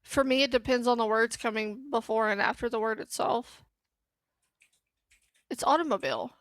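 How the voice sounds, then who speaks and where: A woman's voice: fairly high pitch, steady tone, fairly quick, a bit bright, dry recording. A young adult woman streaming a game, chatting casually and in a giggly, scattered way with her viewers. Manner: giggly and scattered, talking to chat. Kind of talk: casual live-stream chat.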